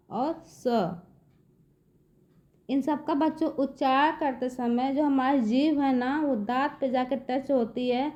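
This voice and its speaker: A woman teacher with a high-pitched, warm voice patiently guides children step by step through a slow classroom explanation, repeating herself and often saying "देखिए बच्चों." The recording is dull and lo-fi.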